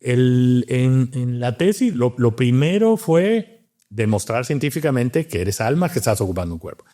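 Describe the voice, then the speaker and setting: A man's voice: medium pitch, big pitch swings, moderate pace, warm tone. Reflective Cuban-born man talking. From Cuba. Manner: reflective, with many fillers and restarts. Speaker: guest, doctor and scientist. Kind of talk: casual interview talk.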